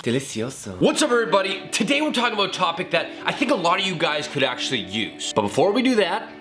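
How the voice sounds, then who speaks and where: A hungover man with a slightly high voice vlogs in a loose, goofy style. His pitch swings around a lot as he jokes casually to the camera, with clear music playing behind him. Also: huge pitch swings, fast talker. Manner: jokey, goofy, breaks into giggles and exclamations; casual swearing. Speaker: video creator and host. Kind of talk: casual comedic vlog chat to camera.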